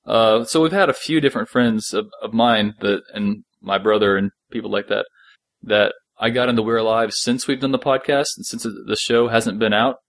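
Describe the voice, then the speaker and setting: In a loose, joking podcast conversation about an audio drama, one male co-host rambles along informally. His fairly low voice is steady and a bit bright, delivered at a moderate pace.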